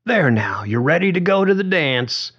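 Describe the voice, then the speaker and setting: A man doing a breathy, smoky caregiver woman. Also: fairly high pitch, big pitch swings, moderate pace, pitched above the performer's own voice, exaggerated voice. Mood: coaxing. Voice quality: breathy, sugary yet gritty, smoky. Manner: coaxing, fussing. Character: breathy female caregiver, coaxing, sweet. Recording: dull lo-fi recording.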